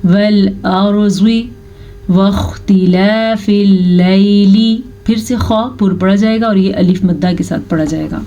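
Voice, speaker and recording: A woman teaching tajweed, alternating slow drawn-out chanted recitation with brisk spoken explanation. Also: mid-range voice, gravelly, warm tone, highs cut off.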